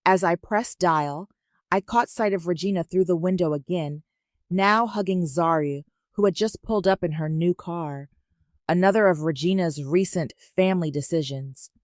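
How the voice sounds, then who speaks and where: Woman narrating a tense story, low and dry. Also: normal speed, no room sound. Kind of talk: scripted first-person narration.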